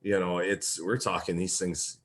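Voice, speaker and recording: A man from Wisconsin with a very low voice chats as a podcast guest. He speaks earnestly and leans on "you know" between thoughts. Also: little pitch movement, a little slow, a bit bright. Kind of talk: casual podcast conversation.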